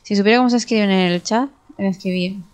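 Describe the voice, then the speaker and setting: A young woman with a Spain Spanish accent commentating her own gameplay, excitable, swearing and talking to herself as she plays. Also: mid-range voice, quick pace, clean tone. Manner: excitable, swears and talks to herself while playing. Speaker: gaming streamer.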